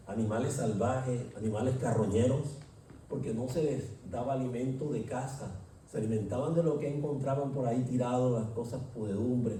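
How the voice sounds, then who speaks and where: Echoey preacher, heard from afar. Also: male voice, mid-range voice, dark tone, slight background noise. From Colombia. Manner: emphatic, with rhetorical questions to the congregation. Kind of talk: sermon. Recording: echoey hall, distant mic.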